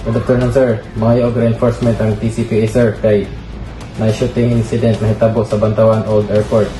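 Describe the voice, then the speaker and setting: A man speaks over a police radio, answering in clipped, formal bursts. His delivery stays level and monotone. The transmission sounds echoey and distant, with music playing behind. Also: fairly low pitch, a little fast. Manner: clipped, formal radio replies with "copy, sir".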